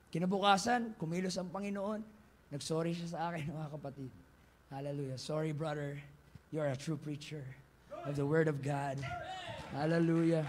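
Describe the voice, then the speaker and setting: A Filipino man preaching a fervent sermon in a church, often rising to shouted exhortation. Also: sits high, slight background noise. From Philippines.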